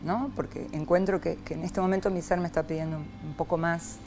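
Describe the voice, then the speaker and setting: A woman's voice: lowish voice, a little fast, faint music behind. A woman from Argentina, a psychologist talking expressively as an interview guest. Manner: expressive, lively, frequent rhetorical "¿no?". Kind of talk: reflective interview talk.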